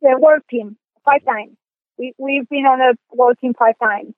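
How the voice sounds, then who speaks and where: A woman from Poland with a Polish accent, answering interview questions in a high voice. She talks in halting bursts, full of restarts and fillers. She sounds dry and tinny, as if over a phone line. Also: no room sound. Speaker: guest, dog sport competitor. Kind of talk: interview conversation.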